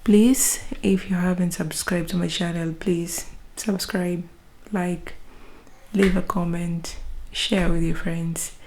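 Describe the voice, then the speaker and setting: A young Kenyan woman with a Kenyan accent, talking to her viewers in a casual vlog, chatty and animated, often dropping into whispered asides. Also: fairly low pitch, unhurried, slight background noise. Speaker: vlogger. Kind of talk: casual vlog talk to camera.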